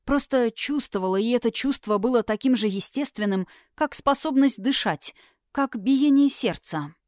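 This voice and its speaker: Expressive woman narrating an audiobook. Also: on the high side, normal speed, dry recording, studio quality. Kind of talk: dramatic fantasy audiobook narration.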